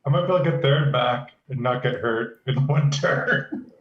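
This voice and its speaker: A man's voice: mid-range voice, normal speed. A man playing a tabletop game, talking bluntly and casually with some swearing. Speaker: player. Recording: echoey, dull lo-fi mic.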